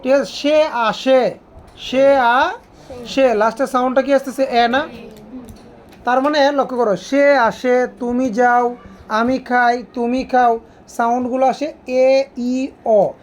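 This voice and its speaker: A woman's voice: high voice, steady tone, a little slow, a little hiss or hum. A woman English teacher, giving a classroom grammar lesson and asking her students questions again and again. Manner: asks students repeated questions.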